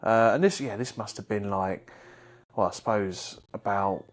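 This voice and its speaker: A man in his thirties co-hosting a casual podcast chat, swearing a lot and jumping high in pitch when he argues. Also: normal speed. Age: 30s. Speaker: podcast co-host.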